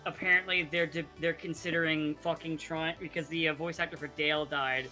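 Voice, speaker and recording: A man's voice: on the high side, flat delivery, fairly quick, sharp tone, faint music behind. A man chatting casually as a fellow player, opinionated and sweary, often stumbling over his starts. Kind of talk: casual gameplay chat.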